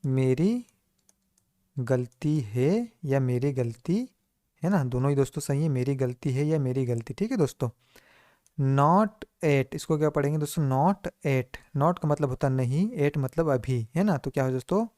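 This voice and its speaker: A man runs a spoken English lesson for Hindi speakers, stopping after each phrase to ask his viewers what it means and then answering himself. His voice is mellow and relaxed, and it is recorded dry and close with no room sound. He slows way down to sound out each English phrase for the listener to repeat. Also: a little high, no room sound. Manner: constantly addresses viewers as friends, asks and answers own questions.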